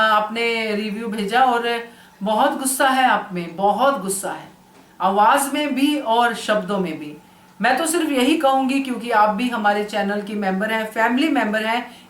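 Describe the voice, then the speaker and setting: Calm channel host, a woman, higher voice, echoey room. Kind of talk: casual commentary to viewers.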